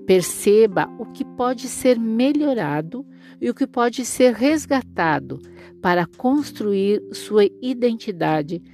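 A woman leading a guided relaxation meditation in a soothing, unhurried, instructing way. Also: fairly high pitch, animated, dark tone. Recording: music playing behind the voice. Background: instrumental music.

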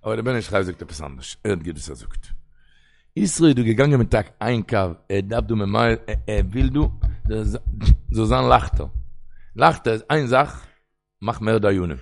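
Gravelly-voiced rabbi preaching in Yiddish. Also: male voice, lowish voice, expressive, moderate pace, faint music behind. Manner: rambling, storytelling, quoting sources in a singsong. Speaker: rabbi giving a Torah talk. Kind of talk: Yiddish sermon on the weekly portion.

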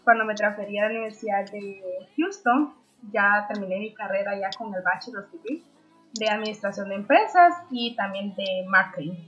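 Brief: woman in her twenties from Honduras, interview guest, halting and full of fillers, dull lo-fi sound with faint music. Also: medium pitch, fairly bright tone. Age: 20s. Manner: hesitant, many fillers and restarts. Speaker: guest, young entrepreneur. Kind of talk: conversational interview answers.

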